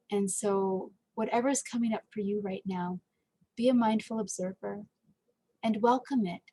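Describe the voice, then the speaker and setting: A woman leading a guided meditation in a gentle, unhurried way, with frequent fillers and pauses. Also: medium pitch, breathy edge, poor audio.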